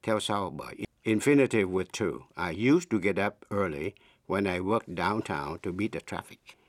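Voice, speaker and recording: A middle-aged man with a fairly low voice gives an English lesson for Vietnamese speakers, taking his time over every word. His pitch rises and falls a great deal as he spells terms out and repeats examples. The sound is dry and close, with no room around it. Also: lively intonation, dry recording. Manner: slow, deliberate, spells words letter by letter and repeats examples. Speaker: English teacher.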